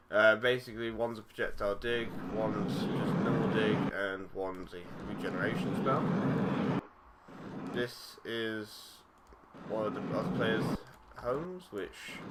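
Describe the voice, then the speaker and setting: Speaking slowly in a lowish voice, a young gaming YouTuber offers laid-back let's-play narration. He wanders along with lots of fillers and corrects himself often, while loud noise and game clicks fill the background.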